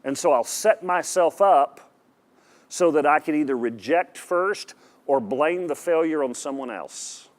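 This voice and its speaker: A man's voice: on the high side, expressive, measured pace. A man preaching a sermon to an audience in a hall, emphatic and direct, often asking the listeners questions and repeating his words. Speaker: pastor.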